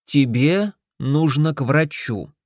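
A man voicing a bossy, sharp-tongued middle-aged wife who scolds and commands her husband. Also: a little high, sing-song, a little slow, dry recording, clean studio sound. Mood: concerned.

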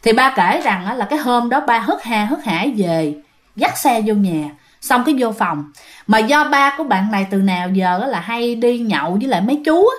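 A woman's voice: on the high side, animated, normal speed. A woman telling ghost stories in a chatty way, talking straight to her listeners, with a phlegmy throat. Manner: chatty, addresses listeners directly. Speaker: ghost story narrator. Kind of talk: casual storytelling narration.

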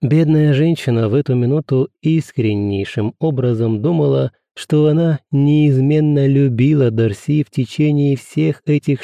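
A man narrating a classic novel in a measured, even storytelling manner. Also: mid-range voice, gravelly, no echo. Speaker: audiobook narrator. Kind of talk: scripted literary narration.

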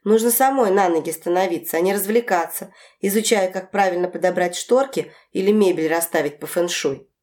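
A woman voicing an irritable, overworked adult woman who argues with her mother in a sharp, raised voice. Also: fairly low pitch, a little fast, few pauses, natural voice. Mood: exasperated.

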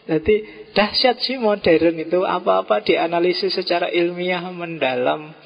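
Male lecturer, raspy and gravelly, relaxed joking delivery, dull roomy hall sound. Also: sits high, moderate pace. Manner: relaxed, joking asides, mixes in Javanese words. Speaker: philosophy lecturer. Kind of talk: informal religious study talk.

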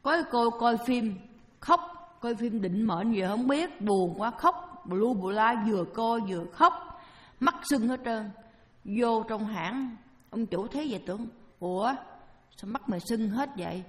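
Unhurried and animated, a fairly high-voiced woman delivers a dharma talk on Buddhism, posing questions to the audience and then answering them with simple, everyday examples. Long reverb from a hall fills the recording.

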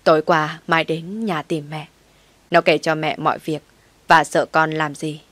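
A woman voicing a pleading elderly mother-in-law in a low, soft-spoken read. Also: flat delivery, measured pace, dry recording.

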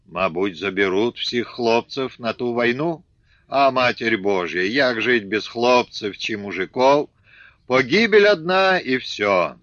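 Мужчина изображает крикливого поселенца, украинский акцент, высокий напряжённый голос. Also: male voice, medium pitch, animated, takes it slowly, a bit bright, dry recording, dull audio. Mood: alarmed. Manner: bellowing announcement. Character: loud peasant settler man on horseback.

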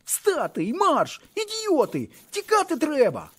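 A man voicing a panicked young male officer who shouts hysterically in a shrill voice. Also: wildly swooping pitch, a little slow, exaggerated voice.

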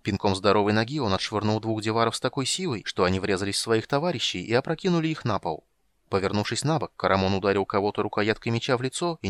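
Man, audiobook narration, rapid delivery, lowish voice, dry close sound. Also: clean tone, no echo. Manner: brisk, dramatic reading. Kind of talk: scripted fantasy narration.

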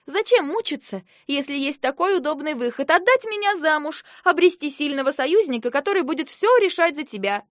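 A woman reading an audiobook, voicing a fiery young princess who shouts at her brother in a raised voice. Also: animated, fairly quick, few pauses, dry recording, studio quality. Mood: furious. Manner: shouting, pitched up in anger.

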